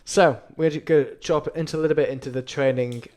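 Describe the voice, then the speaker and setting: A man's voice: on the high side, steady tone, fast, a little mellow. A man interviewing someone in a casual, informal and agreeable way.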